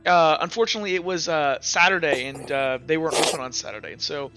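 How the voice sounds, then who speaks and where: Over music and with poor audio, a game master with a somewhat high voice casually recaps a tabletop game. He speaks haltingly, tripping over his words.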